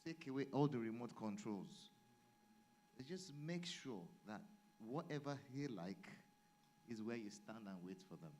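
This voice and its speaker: A man's voice: medium pitch, animated, unhurried, a little mellow, slight background noise, rough recording. A man speaking as a father at a church family program, giving firm, insistent advice. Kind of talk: contribution to a group discussion.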